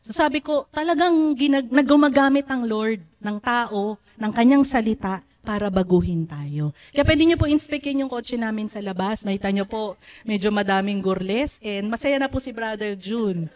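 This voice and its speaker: A woman preaching a sermon, telling stories in an animated way and acting out the voices she quotes. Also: a little high, moderate pace. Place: church.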